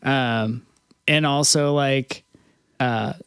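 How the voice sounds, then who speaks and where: A man with a smooth, clear mid-pitched voice chats easily as a podcast co-host. His manner is relaxed and laughing. The sound is dry and close. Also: very slow, no echo. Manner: easygoing, laughs through his talk. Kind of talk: casual chat.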